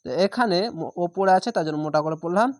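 A man teaching how to read scripture, spelling it out syllable by syllable in a patient, drawn-out way and repeating the rules. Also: high voice, darkish tone, no room sound, studio quality. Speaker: Quran reading teacher. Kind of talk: spelling-out recitation lesson.

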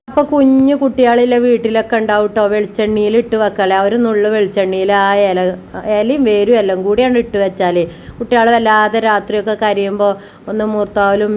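A woman's voice: medium pitch, slight background noise. Chatty homey woman vlogger. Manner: affectionate, calls viewers "children", frequent tag particles. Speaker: family vlogger. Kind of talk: homey chatty voice-over about housework.

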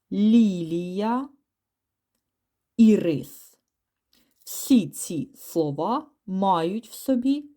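A woman teaching a first-grade class, patiently sounding out letters one by one and using gentle diminutive words for small children. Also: fairly low pitch. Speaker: primary school teacher. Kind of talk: first-grade reading and writing lesson.

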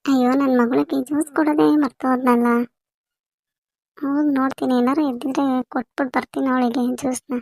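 A doting village mother , played by a woman, fusses and insists in a high voice with a gravelly edge. She holds an even, narrow pitch, and the recording is dry and close. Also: brisk, no room sound. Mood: fussing. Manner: fussy, insistent. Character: doting village mother fussing over her daughter. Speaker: mother in a family skit. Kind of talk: amateur village family skit.

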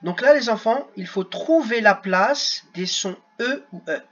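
Husky man teaching children slowly. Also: high-pitched, animated, a bit bright, dull audio. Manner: slow, sounds out words syllable by syllable. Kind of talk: screen-recorded lesson for children.

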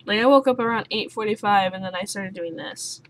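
A young woman playing a puzzle game and thinking out loud, swearing often and sounding sleepy. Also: mid-range voice, brisk. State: sleepy, just woke up. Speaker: gaming YouTuber. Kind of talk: let's play commentary. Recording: noisy home recording with keyboard sounds.

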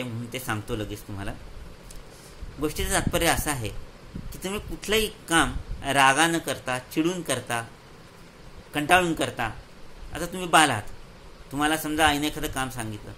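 A man telling a moral story to children, lively and explaining, often repeating words for effect. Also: medium pitch, slight background noise, poor audio.

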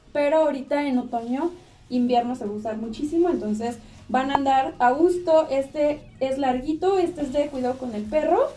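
A woman's voice: sits high, warm tone, recorded from a distance. A young Mexican woman presenting outfits to camera in a cheerful, chatty way with frequent laughs, recorded in a small room. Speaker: fashion vlogger. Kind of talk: casual chat to camera. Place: small indoor room with clothes rack.

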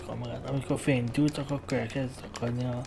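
A man's voice: mid-range voice, flat delivery, quick pace, vocal fry, music in the background. A young adult man giving casual commentary while streaming a game from a room at home. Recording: noisy stream with game sound.

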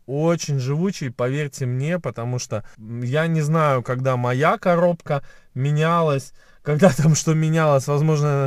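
A man's voice: mid-range voice, no room sound, clean studio sound. A man in his thirties who cannot roll his r, explaining a repair step by step in a how-to vlog. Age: 30s. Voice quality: soft, non-rolled r (a burr). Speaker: car repair vlogger. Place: inside a parked car at night. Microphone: camera at arm's length.

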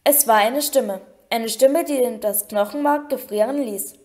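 A woman reading a storybook aloud in an expressive way. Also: fairly high pitch, a little slow. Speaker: audiobook reader.

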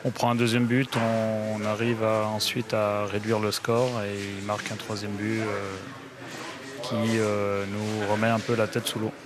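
A man in his forties, a football coach, giving a measured, hesitant post-match interview into a handheld mic. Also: on the low side, completely flat delivery. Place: pitchside interview backdrop, indoors. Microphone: handheld broadcast mic. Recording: crowd noise behind.

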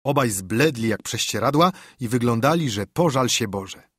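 A man narrating an audiobook in an expressive storytelling manner, recorded on a studio microphone. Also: mid-range voice, moderate pace, slightly rough, no echo.

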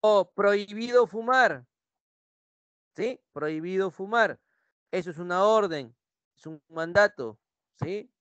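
A man's voice: sits high, unhurried, a bit bright, no room sound. A young male pre-university language teacher with a Peruvian Spanish accent, lecturing an online class and repeatedly checking in with students. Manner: repetitive, checks in with students using "¿sí?".

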